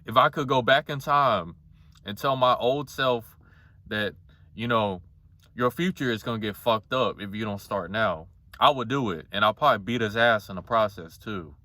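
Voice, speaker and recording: A man in his twenties with a somewhat monotone voice, talking casually and bluntly to the camera in a rambling, confessional way with some swearing. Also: lowish voice, normal speed, dry recording. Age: 20s. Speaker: vlogger.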